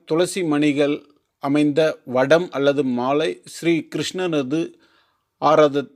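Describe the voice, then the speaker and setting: A man reading a formal religious text aloud, slow and careful, sometimes restarting long words. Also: on the high side, darkish tone. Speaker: teacher.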